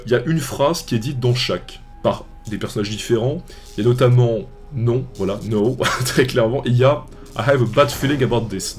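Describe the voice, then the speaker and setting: A young man with a mid-range, darkish voice hosts a let's play, talking casually over gameplay. His commentary rambles and hesitates, full of fillers, stumbles, and restarts, with a little hiss or hum in the audio.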